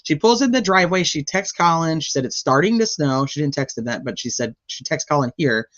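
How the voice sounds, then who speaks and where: A woman's voice: deep voice, very animated, brisk, highs cut off. A woman hosting a true crime channel, casually recapping trial testimony in a rambling, chatty way full of fillers.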